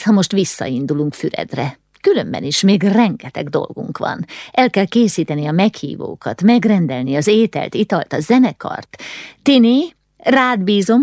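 A proud aristocratic mother in a spoken storybook, condescending and easily alarmed, played by a woman narrator. Her voice sits low but swings widely in pitch. The sound is dry with no room echo. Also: a little mellow. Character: haughty, fussy aristocratic mother, middle-aged woman.

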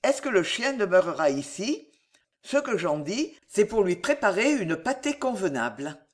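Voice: mid-range voice, very animated, normal speed, natural voice. Humble giant doorkeeper, as the reader puts him on, deferential, audiobook. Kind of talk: audiobook character reading.

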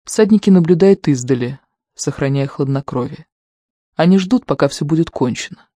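An audiobook narrator reading scripted prose in a steady, measured way. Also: mid-range voice, no room sound.

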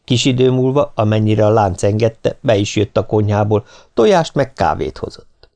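A man narrating an audiobook with an expressive, dramatic reading. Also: lowish voice, gravelly.

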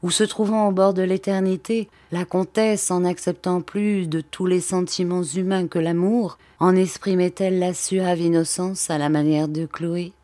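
A woman narrating a classic novel as an audiobook, in a measured, steady reading. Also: lowish voice. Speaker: audiobook reader. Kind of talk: scripted literary narration.

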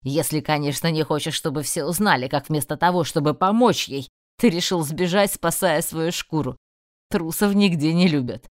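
A woman puts on a self-satisfied male magister for an audiobook. He sounds very deep and mocks everyone with easy confidence. The sound is close and dry. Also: normal speed, no echo, lightly acted. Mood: commanding. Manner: teasing, confident, sharp. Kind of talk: audiobook character voicing.

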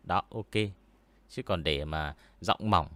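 A man with a deep voice, hosting a story-reading channel and chatting casually with viewers, unhurried and full of hesitant fillers. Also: bright, forceful tone, no echo. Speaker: horror story reader and channel host. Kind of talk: casual livestream chat answering viewers. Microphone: studio mic with pop filter.

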